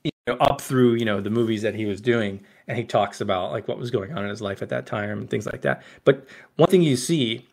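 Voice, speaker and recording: A podcast co-host and author talks casually about films, chatty and often tossing in tag questions to seek agreement. His fairly low voice has vocal fry, and he speaks fairly quickly with hardly any pauses.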